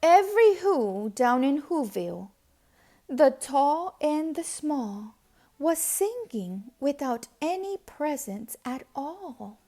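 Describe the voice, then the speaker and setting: A woman narrating a children's storybook aloud in an expressive, dramatic way, at times hushed to a whisper. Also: high voice, slow pace. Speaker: storybook reader.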